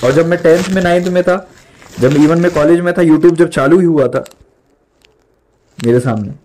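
A young male pastor in his twenties delivers a sermon with real emphasis. He drops English words into his speech and hammers points home by repeating them. His voice sits a little higher than most men's. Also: normal speed, mellow, slight background noise. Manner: emphatic preaching, repeats lines for stress.

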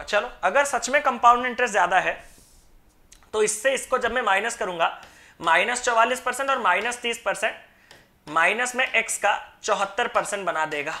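A woman with a mid-range, pushed and bright voice teaches an exam-prep math lesson. She works through each step as a mock dialogue, posing questions and answering them herself, and mixes English terms into her explanation.

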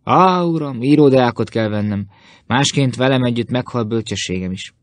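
A man's voice: mid-range voice, no room sound, natural voice. A man doing a sly fawning Greek schemer. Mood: boastful. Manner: obsequious and boastful. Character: sly, fawning male Greek philosopher-informer.

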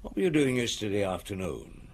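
An actor playing a stern, blunt police chief inspector in a radio drama, questioning in a curt, authoritative, husky voice. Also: male voice, on the low side, huge pitch swings, fairly quick, full character voice. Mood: probing.

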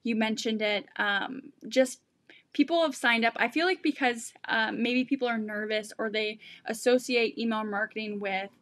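A young Canadian woman hosts a casual livestream interview over video call from a room at home. Her voice is on the high side and fairly bright at normal speed, and she speaks hesitantly and searchingly with lots of fillers and restarts. The recording is studio quality with no room sound.

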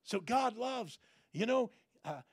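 A man preaching a folksy sermon, repeating phrases and sometimes bursting into loud shouted prayers. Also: very high voice, animated, slow pace, breathy edge, no echo, clean studio sound.

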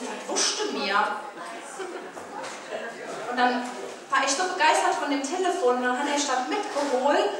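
A woman with a Saarland German accent telling a chatty carnival comedy monologue, acting out dialogue on a stage. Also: high voice. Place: large carnival hall with audience. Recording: distant, echoey hall with crowd.

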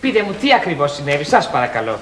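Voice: mid-range voice, very animated, a bit bright, slight background noise. Someone playing a bewildered, polite journalist. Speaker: children's journalist character. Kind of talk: 1980s children's TV acting. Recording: roomy old TV recording with faint music.

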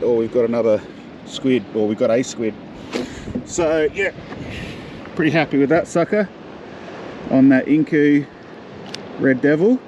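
Through a camera-mounted mic in first person, an Australian man with a mid-range voice films himself fishing from a jetty by the sea, chatting casually with plenty of slang. The outdoor audio is dull and windy, with wind and water in the background.

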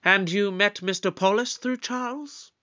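A performer playing the Doctor, a shrewd, probing investigator who questions formally and deliberately in an audio drama. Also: mid-range voice, bright, forceful tone, lo-fi sound. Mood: probing, curious.

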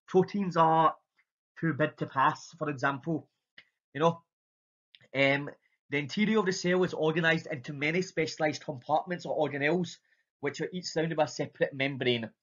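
A man with a strong Scottish accent giving an informal, somewhat halting biology lecture over slides. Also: a little high, a bit bright, slightly rough, muffled recording.

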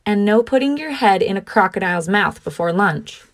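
A woman's voice: mid-range voice, animated, normal speed, no room sound, clean studio sound, lightly acted. A woman voicing a playful, teasing old grandmother from a storybook, mock-serious and coaxing.

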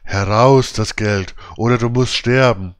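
A man's voice: medium pitch, smooth, no room sound, studio quality, natural voice. A man growling as hollow-voiced robbers. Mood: menacing. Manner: slow, threatening. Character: two menacing hooded male robbers, hollow-voiced.

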